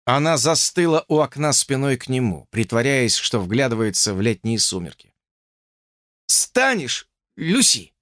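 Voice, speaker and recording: A man reading a story aloud in an expressive storytelling manner. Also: mid-range voice, moderate pace, no echo, clean studio sound. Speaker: audiobook reader. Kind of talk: scripted narration.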